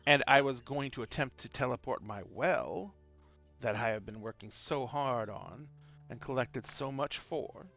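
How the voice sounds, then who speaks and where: A man's voice: mid-range voice, unhurried, vocal fry, fairly bright tone, faint music behind. Man playing a scheming, boastful ancient lich, muffled audio. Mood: boastful, matter-of-fact. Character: ancient male lich, boastful, scheming, frankly evil bargainer.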